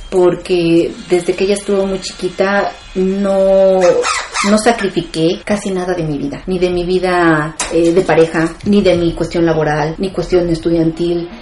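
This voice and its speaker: A woman's voice: fairly low pitch, fairly even intonation, normal speed, darkish tone, slight background noise. A woman talking frankly and reflectively in a casual conversation, with wry humor. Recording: echoey room.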